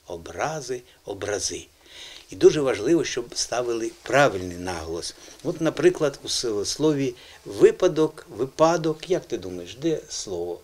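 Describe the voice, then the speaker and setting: Middle-aged guy on tv quizzing kids, lively up and down voice, teacherly. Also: on the low side, slightly rough. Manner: animated, teacherly, quizzing and repeating words. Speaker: TV presenter. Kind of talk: lively language segment with children.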